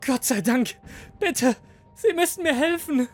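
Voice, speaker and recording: A narrator voicing a desperate trapped man who pleads and shouts for help in a horror audio drama. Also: medium pitch, moderate pace, pitched above the performer's own voice, lightly acted. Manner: pleading, frantic.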